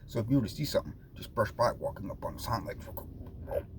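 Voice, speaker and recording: A man with a fairly low voice talks in a casual, meandering vlog style. He drifts along loosely and repeats phrases as he goes. There is some noise behind him. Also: sing-song, quick pace. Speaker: vlogger. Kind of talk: rambling casual chat to viewers. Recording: noticeable background noise.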